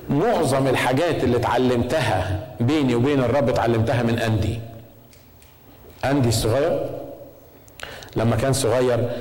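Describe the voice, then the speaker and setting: A middle-aged Egyptian pastor preaching at a brisk, rapid clip, talking with the congregation and checking they follow. His voice sits in a mid register and carries a long reverb from a church hall. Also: medium pitch, darkish tone. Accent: Egyptian Arabic. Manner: conversational, asks the congregation questions. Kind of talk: sermon.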